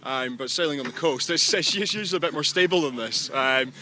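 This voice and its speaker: A Scottish man, a sailor, speaking outdoors in a relaxed, modest post-race interview. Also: a little high, brisk, slight background noise. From Scotland. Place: outdoors on the water.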